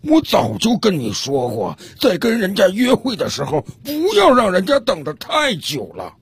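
A man voicing a middle-aged father who speaks slowly and deadpan. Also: high voice, pitched above the performer's own voice, exaggerated voice.

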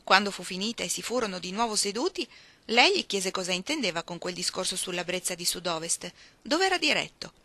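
A woman reading a literary novel aloud, expressive, dropping at times to hushed, almost whispered phrases. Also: mid-range voice, fairly quick, dry recording. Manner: expressive, shifting between soft hushed phrases and emphatic ones. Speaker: reader.

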